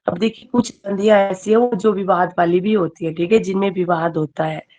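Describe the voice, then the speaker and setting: A woman's voice: medium pitch, darkish tone, highs cut off. A woman teacher giving an online grammar class. She keeps quizzing her students and checks in with "okay" as she goes.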